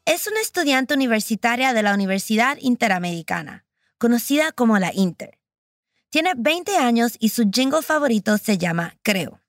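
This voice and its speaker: A woman's voice: a little high, big pitch swings, normal speed, no room sound, clean studio sound. A woman hosting and narrating a documentary podcast in a personal, reflective storytelling manner. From Puerto Rico.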